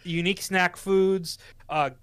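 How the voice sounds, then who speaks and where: A man's voice: high-pitched, steady tone, unhurried, fairly bright tone, smooth. Boston man rambling through show announcements. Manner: rambling, promotional, self-correcting. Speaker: podcast co-host. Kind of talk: casual podcast chat.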